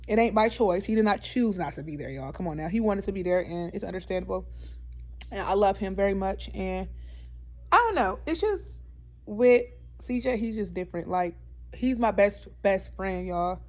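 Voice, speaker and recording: A woman's voice: medium pitch, darkish tone. Young woman vlogger, chatty and candid, calls her viewers y'all. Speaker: YouTuber. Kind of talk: casual storytime vlog.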